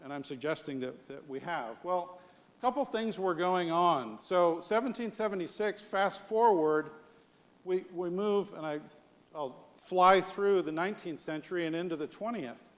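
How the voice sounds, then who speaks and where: An American conference speaker delivers a live leadership talk in a conversational way, dropping in rhetorical questions. His voice sits high and moves at normal speed, with long hall reverb around it.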